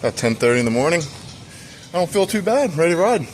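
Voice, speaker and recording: A man's voice: on the high side, sing-song, fast talker, a little mellow, rough recording. A man on a bike tour chatting casually to camera in a rambling, laughing way, outdoors by a road. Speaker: bike touring vlogger. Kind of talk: casual vlog chat. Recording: outdoor clip with wind and traffic noise.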